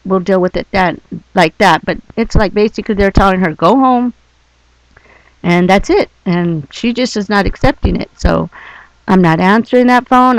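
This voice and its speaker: A woman's voice: medium pitch, no room sound, poor audio. A woman telling a personal story in a casual vlog, talking with a slight lisp. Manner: lisping from a mouth injury; animated, blunt storyteller. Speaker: vlogger.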